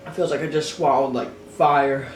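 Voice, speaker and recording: A man's voice: medium pitch, steady tone, normal speed, a little hiss or hum. A man vlogging casually while his mouth and throat burn from very spicy food. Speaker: vlogger doing a food challenge. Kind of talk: casual vlog chat. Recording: roomy echo, music behind.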